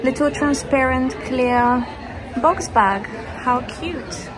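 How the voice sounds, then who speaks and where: Speaking extremely slowly in a high voice, a young adult fashion vlogger chats to camera with gushing enthusiasm during a shopping trip. She's in a large department store and boutiques, with a crowd, store bustle, and music behind her.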